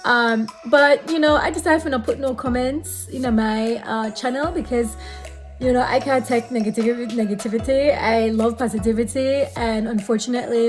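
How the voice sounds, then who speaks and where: A woman in her late thirties with a Belizean Creole accent, talking casually and earnestly, repeating phrases for emphasis as she offers encouragement. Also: on the high side. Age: late 30s. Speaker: vlogger giving faith advice. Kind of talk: casual talk to camera with spiritual encouragement.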